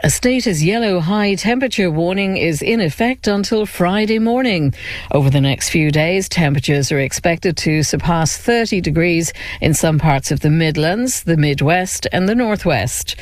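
A woman's voice: on the low side, animated, normal speed, dry recording. A woman with an Irish accent reading a scripted news update. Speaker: newsreader.

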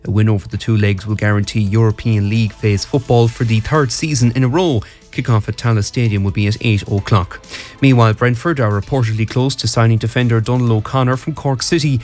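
A man's voice: medium pitch, a little mellow. Irish man reading a radio sports bulletin. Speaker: radio weather and sports reader. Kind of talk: scripted news bulletin. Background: music bed.

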